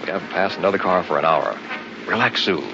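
An actor playing a confident young newlywed husband in a 1960s radio drama, teasing and brushing off worries. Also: male voice, deep voice, fast, noisy background. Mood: breezy, reassuring. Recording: dull vintage 1960s radio recording, music.

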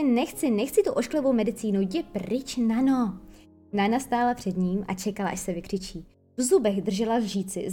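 A woman narrating a children's story in an expressive, lively storytelling manner. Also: medium pitch. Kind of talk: audiobook reading of a children's story.

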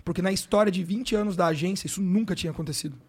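Talking very fast in a high-pitched, somewhat mellow voice, this podcast guest, a sports coach, relates a personal story. His Brazilian Portuguese accent comes through, and his casual, emotional delivery is packed with slang and fillers such as "cara" and "brother."

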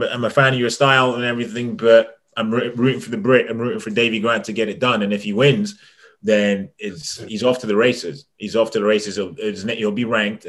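A young man on a casual podcast, talking about fights in an excitable way and stumbling over repeated words. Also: on the low side, breathy edge. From England. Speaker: MMA journalist and podcast panelist.

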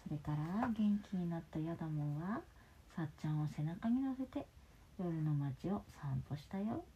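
A woman reading a picture book aloud to her child at home, animated and stopping to talk with the child. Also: fairly low pitch, moderate pace. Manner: animated, talks with the child between pages. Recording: muffled lo-fi with faint hiss.

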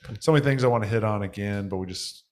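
A man from Oklahoma hosting a podcast, bantering in an upbeat way with quick affirmations. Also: fairly low pitch, darkish tone. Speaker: podcast host. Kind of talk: casual chat.

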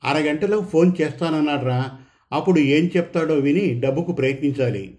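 A man voicing a shaken older headmaster near retirement who speaks softly in a read story. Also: fairly high pitch, brisk, close to an everyday voice. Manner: soft, shaken.

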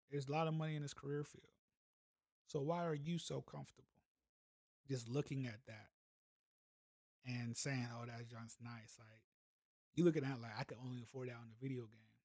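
A man's voice: medium pitch, creaky, a little mellow, dry recording. A man, telling a motivational story in a casual, slangy way as a podcast host. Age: 30s. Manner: laid-back, conversational, slangy.

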